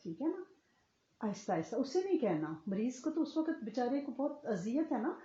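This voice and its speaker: Warm-voiced woman teaching in an echoey room. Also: fairly high pitch, sing-song. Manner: earnest, explanatory, often checks in with listeners. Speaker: Islamic religious teacher. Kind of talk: religious lecture to a women's class. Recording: echoey room, slightly muffled sound.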